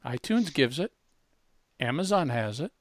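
In a dry recording, a very animated man with a mid-range voice hosts a podcast. His conversational demo delivery is emphatic, and he halts often, restarting his words.

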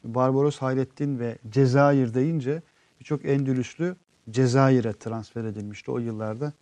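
Dark-voiced man, earnest co-host. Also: medium pitch, steady tone, no room sound. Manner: earnest, explanatory, trails off with drawn-out fillers. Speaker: co-host reading viewer comments. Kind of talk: casual live-stream chat.

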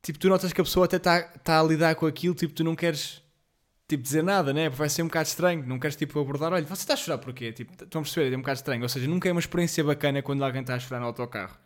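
A young man in his twenties speaks with a European Portuguese accent, his voice sitting a little high for a man. He rambles in a loose, slangy solo podcast monologue. He leans on fillers and teases himself as he goes. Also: fairly even intonation, racing. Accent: European Portuguese, Lisbon slang. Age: 20s. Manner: rambling, slangy, self-deprecating, many fillers; apologetic about being jittery and off rhythm. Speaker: podcast host.

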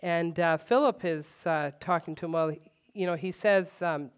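A woman leads a casual Bible teaching at home, her voice smooth and clear. She speaks conversationally, full of fillers, and hits her points firmly. The recording is dull and lo-fi. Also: lowish voice, normal speed. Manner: conversational, emphatic, many fillers.

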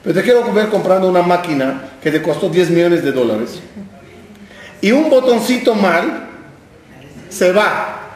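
A man's voice: high voice, lively intonation, measured pace, long pauses. A man giving a Torah class, telling stories with acted dialogue and asking the listeners questions. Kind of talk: sermon. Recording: very echoey room.

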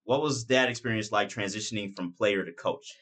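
A man's voice: fairly low pitch, brisk, fairly bright tone. A man interviewing a former player, rambling and enthusiastic, with many restarts. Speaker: interviewer and radio commentator. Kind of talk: casual interview.

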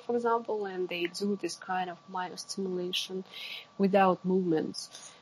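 A woman explains technical work in an interview. Her voice is husky and a little rough, and she speaks slowly, stopping and restarting as she hunts for English words. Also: medium pitch, rough recording. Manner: halting, searching for words in non-native English. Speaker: interviewee, exoskeleton company representative.

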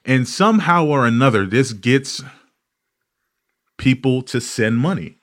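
A man hosting a podcast, telling stories in a profane, ranting, animated way. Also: medium pitch, unhurried. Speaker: podcast host. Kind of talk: casual comedic podcast monologue.

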